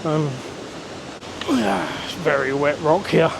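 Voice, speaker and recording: A man's voice: on the high side, gravelly. A man vlogging casually as he climbs a wet, rocky mountain trail, talking in between efforts. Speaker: hiking vlogger. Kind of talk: casual on-the-go narration. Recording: noisy outdoor recording with rushing stream.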